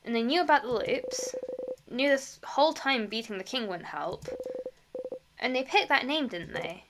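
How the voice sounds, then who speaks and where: A woman's voice: high-pitched, lively intonation, normal speed, noisy background. A woman reading an anxious young traveler. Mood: anxious, earnest. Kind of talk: reading game dialogue aloud.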